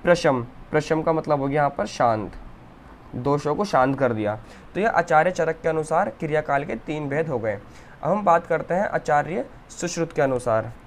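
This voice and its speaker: A man's voice: on the high side, animated, moderate pace, slight background noise. A young man teaching an Ayurveda lesson, explaining step by step as he writes, often checking in with "okay". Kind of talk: whiteboard lecture.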